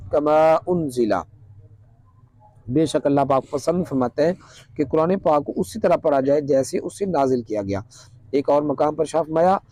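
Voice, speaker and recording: A man with a Pakistani Urdu accent teaches a religious lesson, speaking in an earnest, explanatory way. His voice sits fairly high. He slows right down to recite Arabic lines, and the recording is dry and close. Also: dark tone, dry recording. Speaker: Quran teacher.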